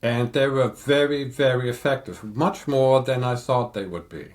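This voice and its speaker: An older man in a casual podcast chat, explaining audio equipment in a measured, technical way. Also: medium pitch. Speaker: audio reviewer guest.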